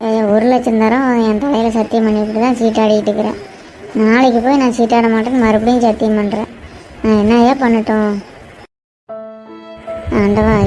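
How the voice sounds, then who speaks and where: A woman's voice: fairly high pitch, close to an everyday voice, poor audio. A woman voicing a distressed, tearful village wife in a cartoon drama, speaking in a with a pleading, reproachful tone. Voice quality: pleading, reproachful, flat despairing tone.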